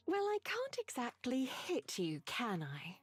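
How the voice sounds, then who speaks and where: A woman's voice: fairly high pitch, wildly swooping pitch, a little slow, slightly rough, no room sound, soft background music, full character voice. An actress playing a hot-tempered, super-strong female soldier in a game, blunt and irritable. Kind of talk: game voice acting.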